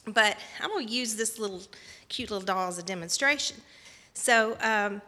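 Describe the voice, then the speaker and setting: Woman telling a kids story at church, bright voice, roomy echo. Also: medium pitch, moderate pace. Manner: animated, warm storytelling to children. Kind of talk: children's sermon story. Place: church sanctuary.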